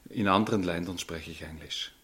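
A Swiss man with a very deep voice and a Swiss German accent speaks calmly as an interview guest. He pauses now and then with small hesitations. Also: husky. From Switzerland. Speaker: interview guest, seminar leader. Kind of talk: conversational interview.

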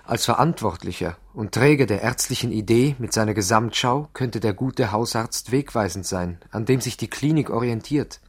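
A male actor with a Swiss German accent plays an earnest, idealistic young doctor in a 1970s radio play. His lowish voice has a breathy edge, and he speaks in a measured, formal way. The mood is earnest and grave.

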